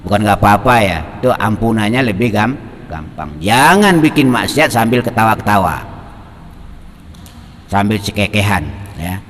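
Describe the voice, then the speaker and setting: A male Islamic preacher, teaching and telling a story in a lively, colloquial manner, quoting Arabic. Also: fairly low pitch, normal speed, long pauses, big-room sound, a little hiss or hum. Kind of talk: sermon on a classical text.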